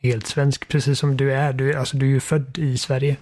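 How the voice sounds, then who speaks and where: A young man co-hosting a casual chat podcast, teasing and playful and quick to laugh. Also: mid-range voice, little pitch movement, darkish tone. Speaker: podcast co-host.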